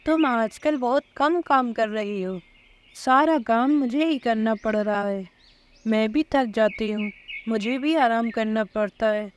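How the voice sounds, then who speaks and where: A woman's voice: on the high side, a little hiss or hum, lightly acted. A woman voicing a bossy female sparrow who scolds her friend and orders her out. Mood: scolding. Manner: scolding, harsh.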